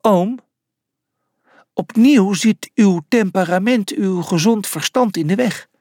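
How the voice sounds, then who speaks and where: A man voicing a calm young male emperor in an audiobook, measured and commanding. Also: sits high, no room sound, clean studio sound, voice pushed up, full character voice. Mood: stern.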